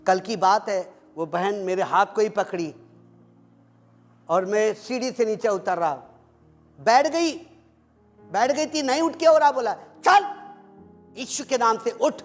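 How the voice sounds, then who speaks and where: A high-voiced man preaches with fervent energy. He swings from loud, pleading calls down to low, intense asides, and he drops English phrases into his preaching. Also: measured pace, pauses often, faint music behind. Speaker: pastor. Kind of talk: fervent sermon.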